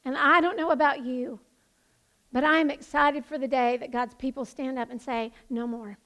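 Passionate high-voiced woman pastor preaching. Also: fairly even intonation, normal speed, a bit bright. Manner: passionate, building to emphatic proclamations. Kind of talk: sermon.

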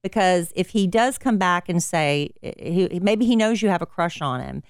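A woman's voice: on the low side, expressive, normal speed, smooth, no room sound, studio quality. A middle-aged woman hosting an advice podcast, giving frank, blunt advice in a casual, folksy way.

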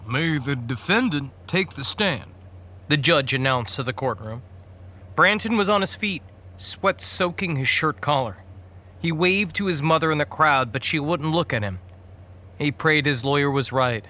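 A man reading a dark comic story aloud, shifting his voice for the characters. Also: on the high side, expressive, moderate pace. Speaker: guest preacher reading a story.

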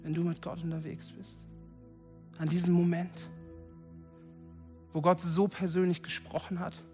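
A man preaching a sermon at a church service, impassioned and building to loud calls to his listeners. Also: sits high, little pitch movement, unhurried, faint music behind.

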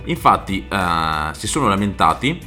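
A man's voice: deep voice, sing-song, measured pace, bright, forceful tone, soft background music. A man co-hosting a radio show with casual comic banter.

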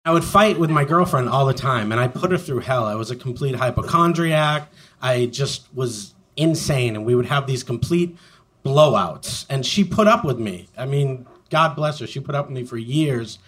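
A man's voice: medium pitch, lively intonation, moderate pace, a bit bright, breathy edge. A man telling a self-mocking, wry story at a live diary reading. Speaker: diary reader on stage. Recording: older archive live recording.

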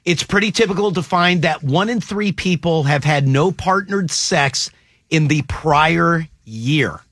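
A man's voice: a little high, measured pace, a bit bright, no echo, clean studio sound. A man hosting a casual panel chat, reading out statements and quizzing the panel playfully. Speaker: host.

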